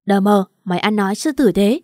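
A woman's voice: medium pitch, animated, fast, no echo, clean studio sound, close to an everyday voice. A woman doing a cursing, violent husband. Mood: angry. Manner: rough, cursing, shouting. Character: violent hot-tempered young husband.

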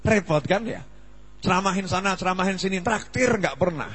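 A man in his forties giving a humorous sermon at a study gathering, lively and acting out dialogue with big jumps in voice. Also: sits high, a little fast, breathy edge. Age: 40s. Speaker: preacher. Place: Islamic study gathering hall. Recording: long reverb in a hall.

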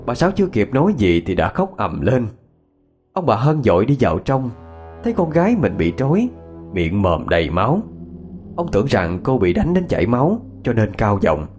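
A low-voiced man narrates a ghost story, dramatic and lively in pitch. Soft music plays faintly underneath. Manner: expressive, dramatic.

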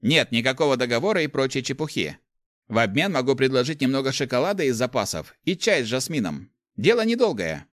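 A man's voice: medium pitch, very animated, a little fast, dry recording, studio quality, voice pushed up, natural voice. A man voicing a brash, chatty young male thief in a storybook reading. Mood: persuasive. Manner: bold, chatty, playful.

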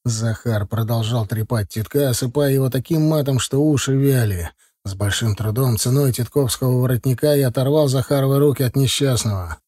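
Male audiobook narrator; measured first-person reading, dark, dry. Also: medium pitch, slightly rough, dry recording. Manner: measured, calm storytelling.

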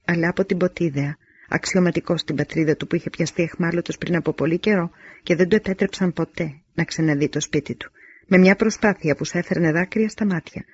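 A man reading a novel aloud in a measured, solemn first-person narration, on a dull lo-fi recording. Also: fairly high pitch, slightly rough, dry recording. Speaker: audiobook narrator. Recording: dull lo-fi audio.

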